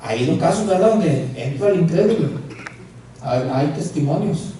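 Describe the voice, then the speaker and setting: A man preaching a sermon as pastor, telling a story with lively acted-out dialogue. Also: on the high side, moderate pace, a little hiss or hum. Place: church sanctuary. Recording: echoey church hall, mic at a distance.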